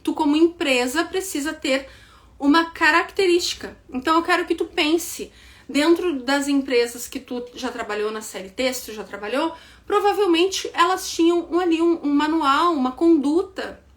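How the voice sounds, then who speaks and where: A woman with a southern Brazilian gaúcho accent teaching an online business class to women, direct and insistent, checking in with "tá?" and mimicking excuses in a quick higher voice. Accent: southern Brazilian, Rio Grande do Sul. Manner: direct, repeats points with "tá?" check-ins. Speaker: business mentor.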